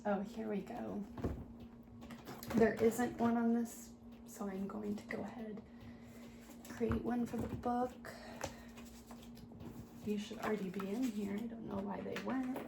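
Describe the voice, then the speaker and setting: Soft-spoken, slow, creaky woman in ASMR role-play. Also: fairly high pitch. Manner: gentle, polite customer-service talk with small murmured asides. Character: helpful, patient female librarian serving patrons. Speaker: ASMR performer playing a librarian at a checkout desk. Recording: roomy echo, clear background noise.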